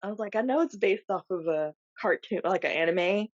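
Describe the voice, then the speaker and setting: A woman with a medium-pitched, animated voice talks briskly as a podcast co-host, telling stories and laughing frequently in casual chat. There's no echo, but the sound is dull and lo-fi.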